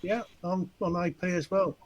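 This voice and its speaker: A man with a raised pitch gives short tactical replies to his game squad. The voice chat he speaks over is clearly noisy. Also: steady tone, moderate pace, highs cut off. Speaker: player in a military game squad. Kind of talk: brief tactical replies during online gameplay.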